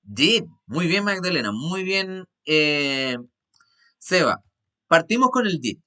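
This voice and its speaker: A male English teacher with a Chilean Spanish accent, explaining grammar patiently in an online class, often checking understanding and switching between Spanish and slow English. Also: fairly high pitch, sing-song, sharp tone.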